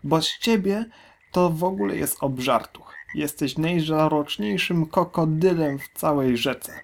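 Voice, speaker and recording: A man voicing a smaller, scornful male crocodile in a storybook reading, with a high, mocking tone. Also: unhurried, gravelly, slight background noise. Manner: squeaky, mocking.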